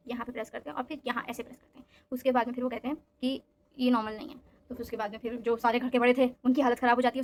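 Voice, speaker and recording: Fast-talking high-voiced young woman. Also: slight background noise. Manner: animated, switching into English phrases. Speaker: storyteller. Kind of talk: casual storytime vlog.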